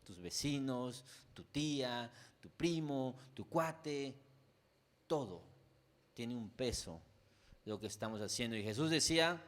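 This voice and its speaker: The preacher is a man with a Mexican accent whose sermon feels like a conversation, spoken directly to those listening and peppered with asides. He shifts between emphatic, loud bursts and quiet, low stretches, sounding animated while keeping a slow pace.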